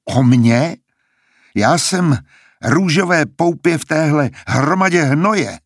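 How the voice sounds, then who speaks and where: A man's voice: medium pitch, very animated, husky, dry recording, studio quality. A man voicing a brash, jealous young man who taunts and sneers, in an audiobook reading. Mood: sneering.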